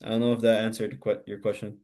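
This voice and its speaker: Low, mellow-voiced man giving casual advice. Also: little pitch movement, fast. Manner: loose, hesitant, many "like" fillers. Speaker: hackathon mentor.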